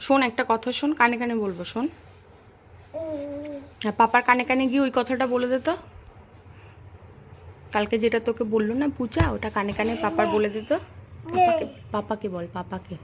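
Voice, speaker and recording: Woman, mother at home, coaxing baby talk, higher voice, repetitive. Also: a little fast, long pauses, a little hiss or hum. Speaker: mother filming her child.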